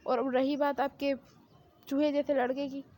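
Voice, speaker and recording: A woman's voice: high-pitched, level tone, measured pace, darkish tone. A young woman voicing her own lead role in a homemade fan drama, chatting confidently between scenes. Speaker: fan drama creator playing the mafia queen.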